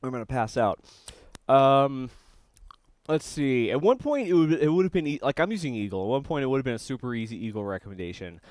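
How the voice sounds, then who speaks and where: A young streamer eats while chatting briskly over his circuit-board project, his darkish, mid-range voice taking on a sing-song lilt. He rambles and keeps restarting sentences, recorded without echo.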